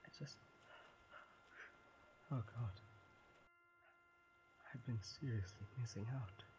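A man playing a shy, flustered young man smitten with a friend in a romantic audio role-play, stammering, halting and apologetic. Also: medium pitch, background noise, natural voice. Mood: breathless, tender.

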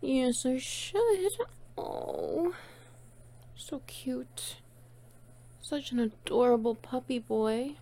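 A woman's voice: high-pitched, animated, extremely slow, gravelly, pauses often, mellow, heavily acted. A woman playing a playful, teasing, bossy friend in an intimate one-sided audio role-play, coaxing and doting on the listener. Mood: affectionate, cooing. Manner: teasing, coaxing, cooing praise.

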